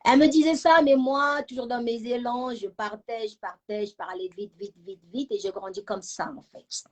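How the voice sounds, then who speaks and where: A young woman telling a personal story to her live audience in a fast, animated way, with many repeated fillers. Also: a little high. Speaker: live stream host.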